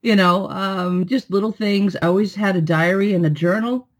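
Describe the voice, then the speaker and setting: A woman's voice: mid-range voice, steady tone, moderate pace. A woman from New York, a poet, answering interview questions in a reflective, friendly way. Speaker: poet and author, guest.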